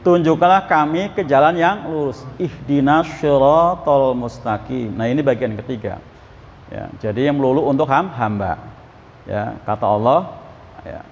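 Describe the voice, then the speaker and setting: A man's voice: mid-range voice, animated, slight background noise. Man preaching in an echoey mosque. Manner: explains by asking the audience questions and slowly reciting Arabic verses. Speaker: ustadz giving Quran exegesis. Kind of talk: mosque study sermon. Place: mosque hall. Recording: muffled, echoey mosque hall.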